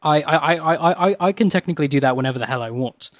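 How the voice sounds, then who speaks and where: A man's voice: on the high side, quick pace, background noise. Stammering man playing a tabletop game. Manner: stammering, repeating words. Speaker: player.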